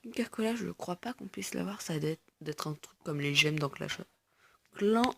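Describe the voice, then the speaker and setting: A woman's voice: on the low side, lively intonation, normal speed, creaky, a bit bright. A woman giving casual gameplay commentary, chatty and explaining things to viewers with lots of fillers. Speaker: gaming video host.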